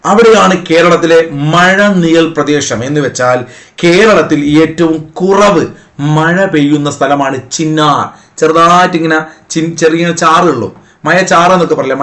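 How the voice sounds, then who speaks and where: A man teaches an online exam-prep class in a slightly high voice. He keeps coaxing his students with playful memory tricks and quick rhetorical questions, recorded close on his mic. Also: a bit bright.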